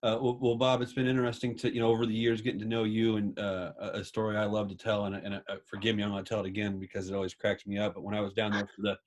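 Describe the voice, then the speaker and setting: A man interviewing a guest over a video call, a chatty, animated storyteller. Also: on the low side, very fast, few pauses, slight background noise. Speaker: magazine editor and interviewer.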